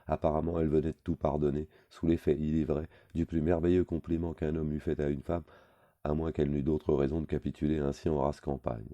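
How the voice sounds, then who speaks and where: Man reading a novel aloud, measured, very deep voice, dark tone, dry studio. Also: flat delivery, dry recording, highs cut off. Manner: measured, literary. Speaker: audiobook reader.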